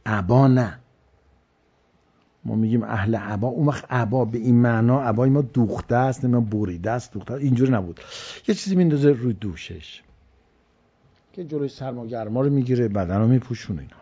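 A man's voice: medium pitch, long pauses, warm tone, husky, highs cut off. A man preaching a religious lecture, telling stories and repeating phrases for stress. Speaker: cleric.

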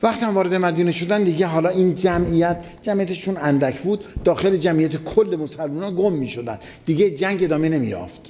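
A man's voice: high-pitched, few pauses, darkish tone. A man preaching a sermon, telling a story in a conversational way and repeating phrases for emphasis. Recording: long hall reverb.

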